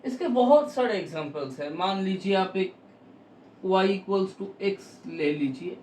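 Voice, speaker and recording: A man teaching a math lesson, explaining slowly and step by step with frequent pauses. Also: high-pitched, expressive, a little mellow, reverberant, recorded from a distance, a little hiss or hum, poor audio.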